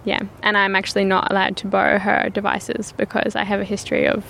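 A woman's voice: mid-range voice, little pitch movement, quick pace, creaky, a bit bright, a little hiss or hum. A woman from Perth with a Scottish accent, a writer guest in casual chat, hesitant and self-deprecating. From Perth, Australia.

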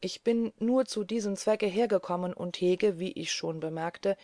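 A woman reading aloud voices a grave, courteous gentleman who speaks in a measured, solemn way. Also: mid-range voice, no room sound, clean studio sound, lightly acted.

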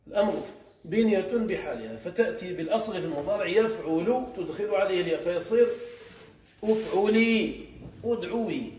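A man, a sheikh, teaching a grammar class. He explains step by step and often checks the students with quick questions. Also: high voice. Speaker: sheikh teaching Arabic morphology. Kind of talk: classroom lesson. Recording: echoey room, muffled sound, faint hiss.

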